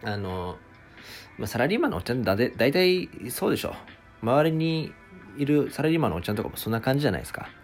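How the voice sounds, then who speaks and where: Speaking very fast and with lots of animation in a mid-range voice, a man rants in exasperation on his casual solo talk show, performing his customers' lines. He's a podcast host who used to work part-time at a restaurant, and soft background music plays.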